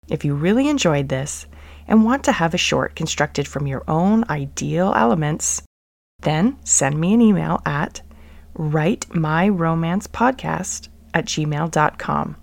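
A woman hosting her own podcast, reading a romance short story aloud in a measured, deliberate way with playful emphasis. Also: deep voice, creaky, darkish tone, no echo. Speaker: podcast host and story narrator. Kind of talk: scripted romance story narration.

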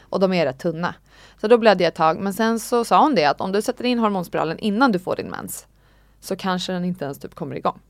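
A woman's voice: lively intonation, no echo. Candid woman telling stories. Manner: candid storytelling, acts out quotes with jumps in pitch. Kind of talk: casual chat.

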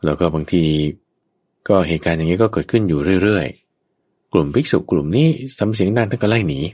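Deep-voiced monk teaching at a fast pace. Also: male voice, lively intonation, a little mellow, no room sound, clean studio sound. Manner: explains patiently, checks understanding with rhetorical questions; acts out others' speech in a raised voice. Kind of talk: dhamma teaching dialogue.

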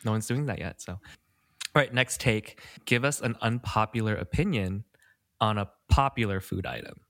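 Male co-host, mid-pitched bright voice, dry booth sound, chatty and easy. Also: moderate pace, dry recording. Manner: chatty, laughs often. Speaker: podcast co-host. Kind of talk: casual podcast chat.

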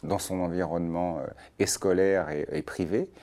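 A man's voice: deep voice, fairly even intonation, normal speed, dark tone. A man hosting an interview, asking long, rambling questions that he rephrases as he goes. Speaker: interview host. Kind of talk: conversational interview.

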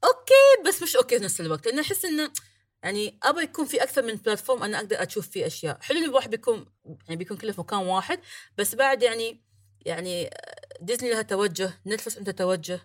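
A woman's voice: mid-range voice, lively intonation. A woman podcast host, chatting casually in a bubbly, teasing way. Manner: fast, bubbly, teasing, laughs often.

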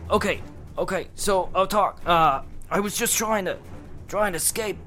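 A scared male drifter stammers and begs in a tabletop game, as a man puts him on. His voice sits a little high for a man. A faint bed of music runs behind him. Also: normal speed, pushed and bright. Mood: pleading. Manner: stammering, pleading.

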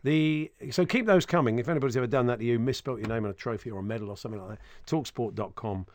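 A man's voice: mid-range voice, rapid-fire, slight background noise. A man hosting a casual sports radio show, telling rambling, jokey anecdotes into a close studio microphone.

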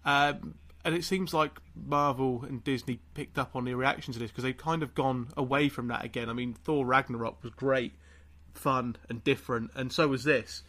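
A man's voice: mid-range voice, steady tone, normal speed, hardly any pauses, a bit bright. A man chatting casually as a panellist on a podcast. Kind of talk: casual chat.

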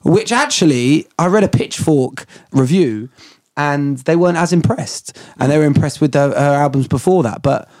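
A man co-hosting a podcast, chatting about an album in a quick, hesitant way. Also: a little high, animated, darkish tone. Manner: quick, hesitant, many fillers and restarts. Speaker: podcast co-host. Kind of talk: casual album review chat.

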